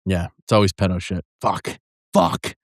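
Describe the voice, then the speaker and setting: A man's voice: deep voice, big pitch swings, normal speed, vocal fry, no echo, studio quality. A man co-hosting a podcast in casual chat, swearing often and poking fun at himself. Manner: profane, self-deprecating, jokey. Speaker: podcast co-host.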